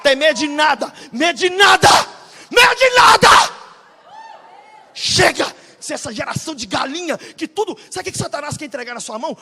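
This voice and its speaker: Brazilian man, 40s, fiery preacher; high, bright, husky voice in a reverberant hall. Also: slight background noise. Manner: shouting bursts, then dropping low and confiding. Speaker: pastor. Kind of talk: energetic sermon. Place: large church hall, live audience.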